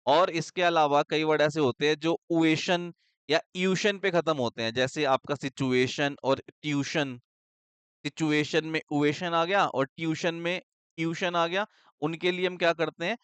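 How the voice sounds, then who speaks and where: Guy teaching shorthand, smooth voice, keeps asking then answering himself, dry close mic. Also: fairly high pitch, fairly even intonation, a little slow, fairly bright tone, no echo. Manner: asks pupils questions and answers them himself, checks with "thik hai?". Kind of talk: casual explanatory lecture.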